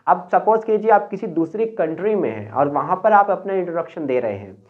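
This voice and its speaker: A man from Uttar Pradesh, India, giving a spoken English lesson. He explains step by step and slows down to model each phrase. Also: sits high, animated. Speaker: English teacher. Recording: tinny phone-like sound.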